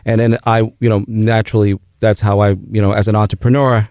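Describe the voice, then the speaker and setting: A man's voice: fairly low pitch, flat delivery, brisk, a little mellow, no echo, studio quality. A middle-aged man from El Salvador, a native Spanish speaker, talking as a guest in a radio interview, with many restarts and fillers. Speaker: guest, business founder.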